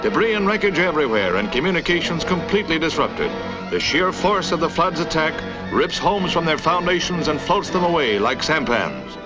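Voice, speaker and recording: A man's voice: on the high side, big pitch swings, moderate pace. A man narrating an old newsreel in a dramatic, declamatory style. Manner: urgent, declamatory delivery. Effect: old newsreel soundtrack. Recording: dull lo-fi old newsreel sound with music under it.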